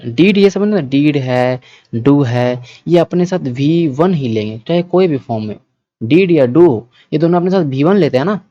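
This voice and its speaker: A man with a fairly high, warm voice teaches English grammar for exam preparation, mixing Hindi and English. He is patient, repeats points and often makes sure students are following. The recording is dull, dry and lo-fi, with no room sound.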